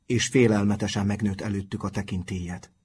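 A man's voice: fairly low pitch, fairly even intonation, darkish tone, husky. A man voicing an earnest, kind-hearted teenage schoolboy in a storybook reading.

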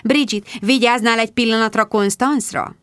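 An excitable, cheerful woman friend, as a woman narrator puts her on, calling out high and raised. Her voice lifts with eager brightness. The sound is dry and close. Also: clean tone, no echo, lightly acted. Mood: excited.

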